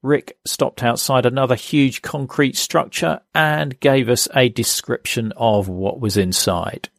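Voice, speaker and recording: Male documentary narrator, medium pitch, very little room sound. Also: unhurried, vocal fry, dry recording. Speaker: host and narrator.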